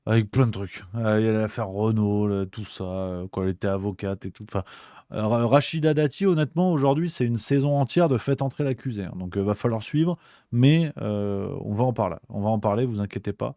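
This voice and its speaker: A man's voice: lowish voice, a little fast, mellow, no room sound, clean studio sound. A man hosting a show, chatting loosely about the news with lots of fillers and restarts. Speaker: host. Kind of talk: casual news commentary.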